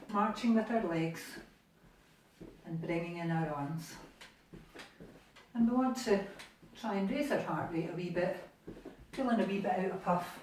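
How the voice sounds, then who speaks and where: A Scottish woman guides a home exercise class in an encouraging, chatty way. Her voice is soft and mellow, heard from a distance in a very echoey room. A faint hiss sits under the recording. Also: mid-range voice. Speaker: exercise instructor. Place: living room.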